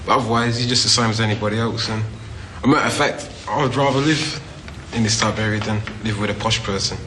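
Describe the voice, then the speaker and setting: A man's voice: lowish voice, fairly even intonation, a bit bright, a little hiss or hum. Outspoken Cockney man. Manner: outspoken, quick. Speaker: interviewee.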